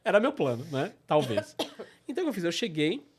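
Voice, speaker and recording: A middle-aged man with a Brazilian Portuguese accent telling personal stories on his podcast, animated and full of fillers. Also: on the high side, a little fast, background noise. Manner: animated, acts out quotes, many fillers like "né" and "tipo assim". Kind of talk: casual storytelling.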